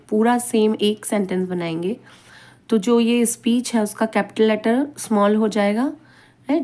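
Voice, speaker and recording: A woman talks through a grammar lesson at an unhurried, deliberate pace, stopping to ask her listeners questions and then answering them herself. Her pitch sits at an ordinary middle height, and she tacks a checking "right?" onto many of her points. She reads the English example sentences out slowly. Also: darkish tone. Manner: slow, explanatory, asks and answers own questions, frequent "right?".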